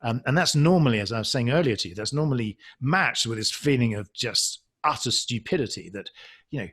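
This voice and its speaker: Man, husky voice, halting speech, many ums, reflective, self-deprecating, podcast guest. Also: mid-range voice, animated, fairly bright tone. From England. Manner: hesitant, halting, with frequent ums and restarts. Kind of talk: casual conversational interview.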